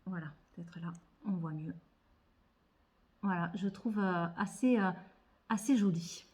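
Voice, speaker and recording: A woman's voice: on the low side, unhurried, darkish tone. A woman vlogger chatting casually about tarot decks, thinking aloud and often repeating words as she hesitates. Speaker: tarot and oracle card vlogger. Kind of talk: casual haul chat.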